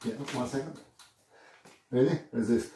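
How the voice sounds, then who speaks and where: Male massage therapist, calm, keeps saying don't worry, roomy room, mic far off. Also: mid-range voice, a little slow. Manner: reassuring, repeats "don't worry", counts aloud. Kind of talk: casual talk while treating a client. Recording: roomy room, distant mic, faint noise.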